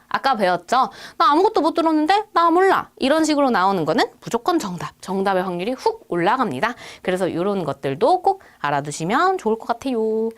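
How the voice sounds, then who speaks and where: Lively, high-pitched woman teaching a lecture. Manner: explains step by step, acts out sample answers in lively tones. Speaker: English test instructor. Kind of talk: recorded lecture.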